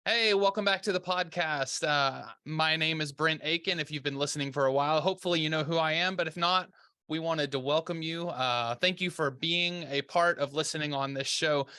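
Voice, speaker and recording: A man's voice: fairly high pitch, normal speed, pushed and bright, clean tone, dry recording, studio quality. A man hosting a podcast, upbeat and welcoming. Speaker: podcast host.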